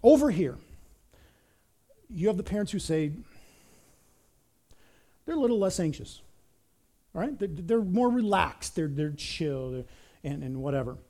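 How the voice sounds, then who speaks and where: Animated high-voiced male pastor preaching. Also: a little slow, pauses often. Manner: animated storytelling, repeats words, acts out quotes. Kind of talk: sermon.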